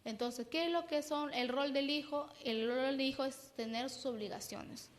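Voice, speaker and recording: Higher-voiced Peruvian woman psychologist, echoing. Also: normal speed. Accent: Peruvian Spanish. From Peru. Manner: explanatory, keeps checking in with "¿no?". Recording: long reverb.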